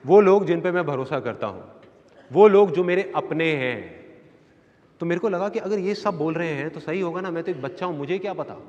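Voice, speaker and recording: A man telling a childhood story at a seminar, acting out his family members' voices in a lively way. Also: fairly high pitch, fairly quick, lo-fi sound. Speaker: motivational speaker. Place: seminar hall with live audience. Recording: long hall reverb.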